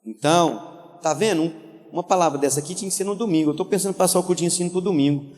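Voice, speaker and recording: Animated high-voiced pastor in a hall. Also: male voice, very fast. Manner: animated storytelling, acts out voices, laughs. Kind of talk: lively sermon with anecdotes.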